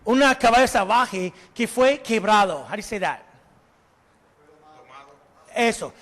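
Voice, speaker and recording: A male pastor preaching a sermon, animated, asking the congregation questions and slipping in English words. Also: sits high, slow. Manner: slips English words into Spanish. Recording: long hall reverb.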